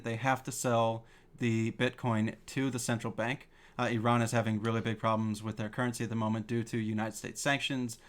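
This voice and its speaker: Male host of an online discussion group, casual and rambling, average pitch, call-quality audio. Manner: loose, rambling with fillers and restarts. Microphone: video call.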